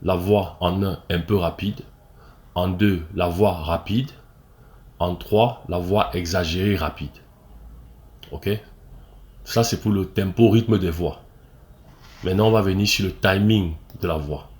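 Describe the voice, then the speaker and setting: A man's voice: sits low, unhurried, pauses often, darkish tone. A man with a Cameroonian French accent, an acting coach explaining step by step, with fillers and restarts and frequent "ok?" checks. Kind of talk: screen-recorded tutorial.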